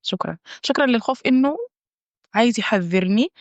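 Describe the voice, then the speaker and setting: Fast-talking woman a lilt. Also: medium pitch, no echo. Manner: warm encouraging talk, with many restarts and hesitations. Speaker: wellness guest. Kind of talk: casual conversation in Arabic with English phrases. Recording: dull dry audio.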